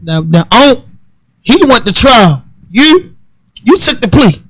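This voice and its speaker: A man's voice: very high-pitched, big pitch swings, slow, fairly bright tone, breathy edge, no room sound. A man in his forties with a Baltimore accent, hosting a podcast and asking blunt, probing questions in loose street talk. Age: 40s. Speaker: podcast host. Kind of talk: casual interview chat.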